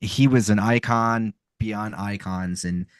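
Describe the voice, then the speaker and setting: A man co-hosting a casual podcast, speaking earnestly and haltingly with many ums. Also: fairly low pitch, fairly even intonation, dry recording. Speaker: podcast co-host. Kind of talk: casual sports chat.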